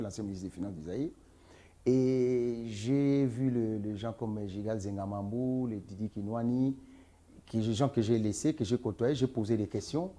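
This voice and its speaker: A man's voice: medium pitch, mellow. A man from the Democratic Republic of the Congo, answering interview questions as a guest, earnest and emphatic. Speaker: interview guest, entrepreneur and author.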